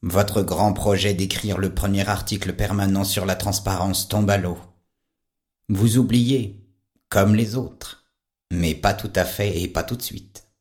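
An actor playing a calm, patient private detective in an audio drama. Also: male voice, sits low, a little slow. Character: odd private detective, calm, faintly sad man.

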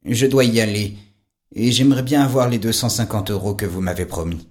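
An actor playing a calm, patient private detective in an audio drama. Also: male voice, fairly low pitch, a little fast, natural voice. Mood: wistful. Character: odd private detective, calm, faintly sad man.

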